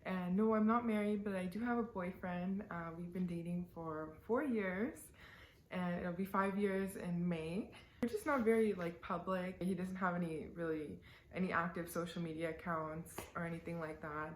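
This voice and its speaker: Speaking at a normal speed with fairly even intonation, this fairly low-voiced woman in her twenties does a giggly, filler-heavy Q&A to camera. She's a vlogger born in the UAE and raised in Canada, recorded with roomy echo and a bit of background noise.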